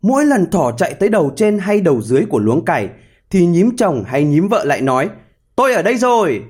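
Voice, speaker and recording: An expressive male storyteller narrating a fable. His voice sits a little high and moves in lively, animated contours. The reading is scripted and vivid. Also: fast talker, breathy edge.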